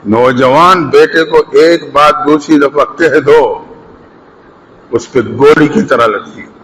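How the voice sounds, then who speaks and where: A man delivering a sermon as an Islamic preacher, impassioned, rising to emphatic peaks and then dropping low. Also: fairly bright tone, slight background noise, rough recording. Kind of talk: Urdu sermon.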